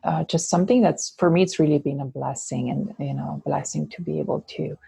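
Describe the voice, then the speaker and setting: A woman's voice: low-pitched, fairly even intonation, fairly quick, creaky, warm tone, slightly rough, no room sound. A woman from Switzerland with a Swiss Italian accent, a guest coach in an interview, talking thoughtfully with many fillers and restarts. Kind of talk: interview conversation.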